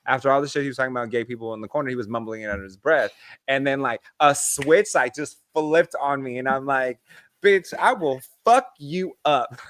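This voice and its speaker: Bright-voiced man telling animated stories. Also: mid-range voice, moderate pace, no echo. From United States. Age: adult, past his early twenties. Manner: animated storytelling, swears freely. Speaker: podcast co-host. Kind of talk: casual podcast chat.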